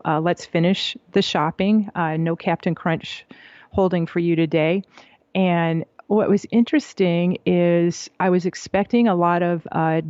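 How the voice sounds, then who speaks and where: A woman's voice: fairly low pitch, no echo, muffled recording. A middle-aged woman, a psychologist who is a guest on a podcast, telling a parenting story and acting out the quotes. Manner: animated storyteller, acts out quotes. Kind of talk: conversational interview storytelling.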